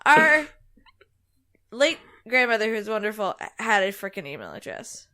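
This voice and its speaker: Bright, animated woman podcast host. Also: mid-range voice, a little slow. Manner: animated, teasing, laughs through lines. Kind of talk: casual chat.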